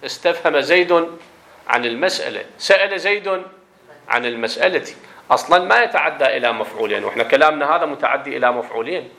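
Male grammar teacher, bright tone, patient step-by-step explainer. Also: mid-range voice, expressive, fast, gravelly. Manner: explains step by step, checks understanding with questions. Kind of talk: classroom lecture.

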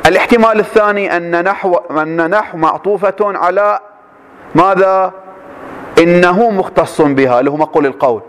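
A man teaching a class, reading a text slowly and then explaining it with quick questions to his students. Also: high voice, clean tone.

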